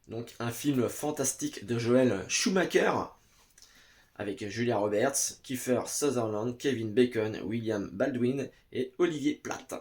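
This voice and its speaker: A man with a medium-pitched, slightly mellow voice chats casually and slowly to a camera set in front of him in his home basement. He is a vlogger reviewing VHS tapes, and he halts often with "euh" fillers while addressing the viewer as "tu".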